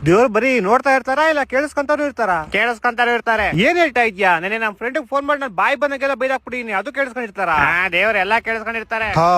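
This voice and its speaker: A man voicing a cast of bickering adult male cartoon characters in quick, rowdy, slangy comic back-and-forth. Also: very high-pitched. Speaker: voice actor for all cartoon characters. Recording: loud background noise.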